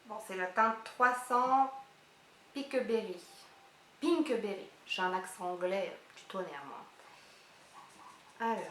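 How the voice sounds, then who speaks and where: A woman vlogger chatting excitedly as she unboxes gifts, thinking aloud as she goes. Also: mid-range voice. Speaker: beauty vlogger. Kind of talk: casual unboxing chat. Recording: roomy echo, faint hiss.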